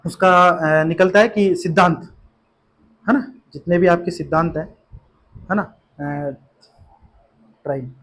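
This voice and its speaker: A man's voice: on the high side, measured pace, long pauses, a bit bright. A man teaching English vocabulary for an exam, explaining in a patient, repetitive way with frequent fillers and check-in questions, and an Indian English accent. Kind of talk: exam-prep vocabulary lesson.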